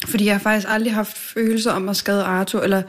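A woman's voice: medium pitch, level tone. A woman talking candidly and emotionally in a casual conversation, telling personal stories. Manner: candid, emotional, fast storytelling. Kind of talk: casual chat.

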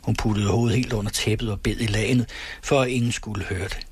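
Husky-voiced man reading a novel. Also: fairly low pitch, fairly even intonation, no echo. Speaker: narrator. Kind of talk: audiobook reading.

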